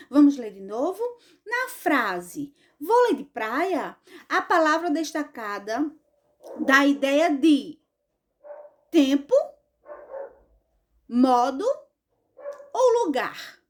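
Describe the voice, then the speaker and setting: A woman teacher with a Brazilian Portuguese accent giving an online lesson, patient and affectionate, repeating points and checking that her pupils follow. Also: high-pitched.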